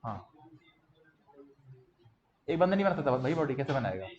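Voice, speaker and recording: A young male teacher giving a lively classroom lecture to students in a classroom, drilling them playfully in call-and-response with hand gestures. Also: medium pitch, moderate pace, a crowd in the background. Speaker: commerce teacher. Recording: muffled classroom recording.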